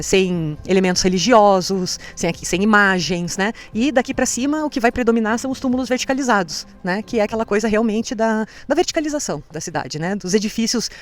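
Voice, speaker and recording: A woman guiding a cemetery tour, explaining with enthusiasm. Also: medium pitch.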